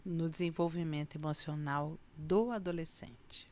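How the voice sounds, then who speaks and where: A woman with a Brazilian accent hosting a podcast in casual conversation, animated and given to acting out scolding parents. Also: deep voice, measured pace. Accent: Brazilian Portuguese. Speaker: podcast host.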